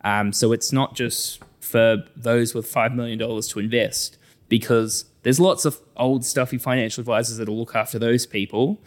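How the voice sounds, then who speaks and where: Speaking at a normal speed with a steady tone, a man with a mid-range voice and a New Zealand accent talks through his work as a financial adviser. The interview is conversational, and he regularly voices imagined clients as examples.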